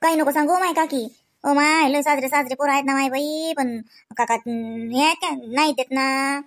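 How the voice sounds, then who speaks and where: A woman voices a high-pitched, talkative village auntie in a comedy cartoon, speaking rustic Varhadi Marathi from Vidarbha. She complains in a gossipy, exclamation-filled way, at normal speed with fairly even intonation. Her voice sounds natural.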